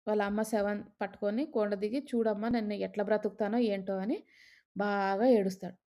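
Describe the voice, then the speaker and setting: Mellow-voiced woman telling a folk tale. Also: on the high side. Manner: conversational, with many restarts and fillers, quoting characters in her own voice. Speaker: storyteller. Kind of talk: casual oral storytelling.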